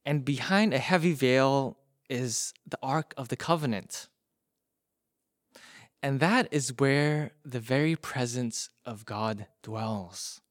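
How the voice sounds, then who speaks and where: A man giving voice to a stern guard at the gate of an ancient Israelite camp, firm and explaining, his voice sometimes sinking low and hushed. The sound is close and dry, with no room around it. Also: slow pace, dry recording, close to an everyday voice. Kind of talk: preacher acting out an illustration.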